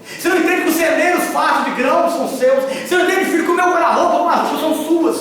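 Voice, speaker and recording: A man voicing a loving older father who pleads with his son, impassioned and repeating himself as he rises to shouts. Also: very high voice, normal speed, pitched above the performer's own voice. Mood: urgent. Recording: echoey church hall from far off, faint music.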